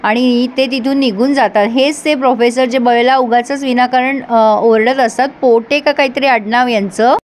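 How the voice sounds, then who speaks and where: A woman talks through a serial episode like a casual chat with viewers. She reads out the characters' lines in her own fairly high voice rather than acting them. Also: fairly even intonation, normal speed, hardly any pauses, a little hiss or hum. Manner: retells scenes and reads characters' lines in her own voice, laughs now and then. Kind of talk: casual recap narration.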